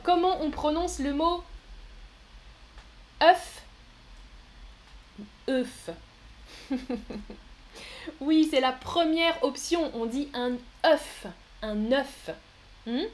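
A woman giving a live pronunciation lesson, speaking slowly and carefully, repeating each word and laughing softly now and then. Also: sits high. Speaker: French teacher.

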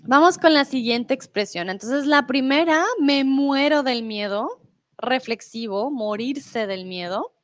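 A woman's voice: high voice, expressive, measured pace, a bit bright. A young woman teaching Spanish in a live online lesson, reading out viewer comments and explaining things in a friendly, patient way, sometimes in English.

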